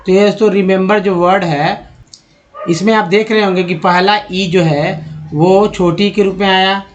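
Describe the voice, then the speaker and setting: A man's voice: high voice, steady tone, moderate pace. A man teaching English pronunciation in a spoken lesson, spelling words out letter by letter and checking in with his viewers. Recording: dull lo-fi recording.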